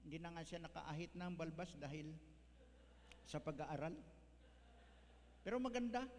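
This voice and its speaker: A man's voice: on the high side, animated, normal speed, a little mellow. A male pastor, preaching a folksy sermon that mixes in English words. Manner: folksy, mixes English, tags lines with "ano?". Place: church hall. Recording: echoey church hall, faint hum.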